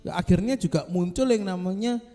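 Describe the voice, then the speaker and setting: A man's voice: sits high, fairly quick, dark tone, big-room sound, soft background music. A male pastor, giving a casual, joking devotional talk to a small group over a video call. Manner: joking, chatty, self-mocking.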